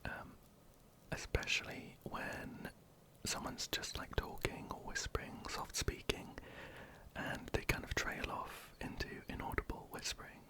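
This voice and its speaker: An ASMR creator, whispering softly and hesitantly while answering viewer questions into a close microphone. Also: a little slow, poor audio. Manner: soft, hesitant, many ums and restarts.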